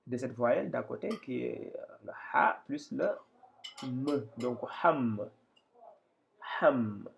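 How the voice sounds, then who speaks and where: A man giving a slow step-by-step reading lesson, hesitating, repeating phrases and spelling out syllables. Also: a little high, gravelly, a bit bright. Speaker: Quran reading teacher. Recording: dull lo-fi sound.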